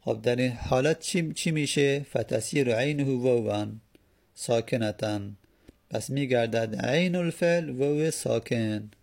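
A man teaching Arabic grammar in a patient way, repeating each word and sounding out the examples slowly. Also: medium pitch, creaky, darkish tone. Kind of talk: explaining Arabic grammar in Persian.

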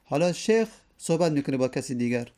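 A man teaching a lesson, who reads classical verses slowly and then explains them at length. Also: on the high side, lively intonation, dark tone. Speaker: teacher of hadith studies.

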